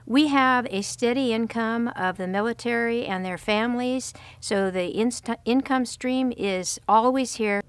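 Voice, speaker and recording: A woman speaking in a measured, deliberate way in a promotional interview. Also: on the high side, smooth, no echo.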